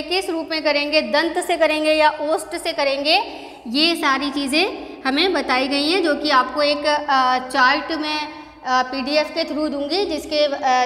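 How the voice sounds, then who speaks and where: A woman teacher with an Indian accent, explaining a lesson slowly and patiently, often checking in with the class and mixing in English words. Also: high-pitched, a bit bright. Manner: slow, patient explaining with frequent "ठीक है" check-ins. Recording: echoey room with long reverb.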